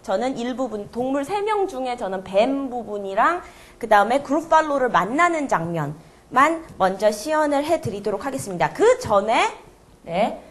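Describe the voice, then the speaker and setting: A woman's voice: fairly high pitch, very animated, normal speed. A woman presenting at a storytelling workshop, chatting as she explains words and repeating each one for practice. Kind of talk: teaching pronunciation before a storytelling demo. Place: classroom.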